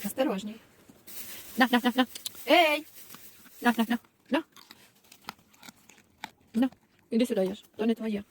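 A woman's voice: a little high, measured pace, pauses often. Woman cooing sing-song to stray dogs. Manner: cooing, sing-song baby talk to animals. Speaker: volunteer feeding stray dogs. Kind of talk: casual vlog talk to dogs. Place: outdoors by a roadside dump. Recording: outdoor traffic noise. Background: passing cars and animal sounds.

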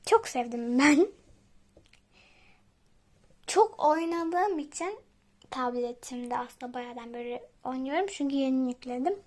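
A woman hosting a gaming channel, chatting excitably to her viewers as she plays. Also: high voice, unhurried, pauses often. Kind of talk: casual gameplay commentary.

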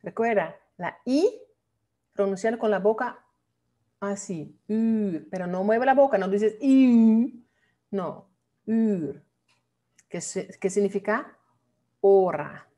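A woman teaching an online lesson on Dutch pronunciation. She speaks in an unhurried, deliberate way, repeating each word slowly as a drill. Her manner is playful, and her voice sits at a medium pitch. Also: mellow.

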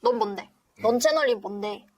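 A woman's voice: fairly high pitch, moderate pace, very noisy. A young woman YouTuber bantering playfully and cheekily as a guest, with a Gyeongsang accent. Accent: Gyeongsang Korean. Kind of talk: casual comic chat.

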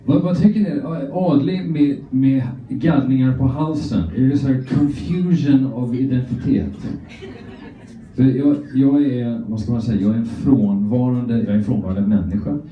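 A man's voice: mid-range voice, steady tone, a little hiss or hum. A middle-aged Swedish man doing a crude, rambling, self-mocking stand-up routine, talking out of one side of his mouth. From Sweden. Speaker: stand-up comedian. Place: comedy club stage. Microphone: phone camera from the audience. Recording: echoey, distant, muffled phone recording.

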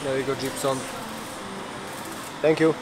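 A man's voice: medium pitch, measured pace, very noisy. A man vlogging outdoors at a tourist spot, chatting casually in unpolished English toward a handheld camera. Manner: relaxed, unpolished English, chatty tour-guide asides. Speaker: vlogger, channel owner. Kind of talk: casual travel vlog talk.

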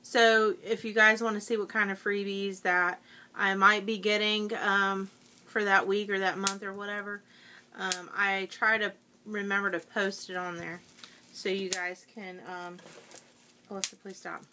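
A woman's voice: mid-range voice, level tone, unhurried, background noise. A middle-aged woman vlogger chatting casually to her viewers, rambling with lots of fillers and asides. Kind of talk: casual chat to camera.

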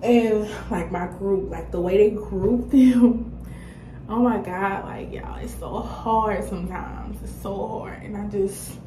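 Talking slowly in a mellow, steady mid-range voice, a young woman airs her frustrations to a phone or laptop held at arm's length. She's indoors in a small room at home, where the audio has noticeable echo and background noise.

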